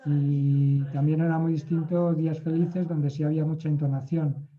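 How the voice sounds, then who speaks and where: A man's voice: fairly high pitch, level tone, normal speed. Hesitant man on a muffled call. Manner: hesitant, many fillers and restarts. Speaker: discussion group member. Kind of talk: casual discussion.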